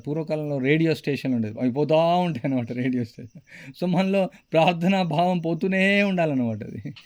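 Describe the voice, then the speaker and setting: A man with a Telugu accent delivers a devotional lecture, voice pitched a bit high. He tells stories with animation and raises his voice at the dramatic points. The sound is dry and close. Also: no room sound. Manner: animated storytelling, voice rises when excited; chants the mantra in a mock-distracted way. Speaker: spiritual teacher.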